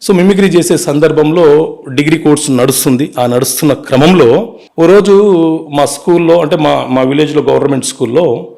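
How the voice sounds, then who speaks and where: In an interview, a male advocate recounts his life story in an earnest, brisk way, mixing in English words. His voice is fairly high-pitched, creaky, and mellow.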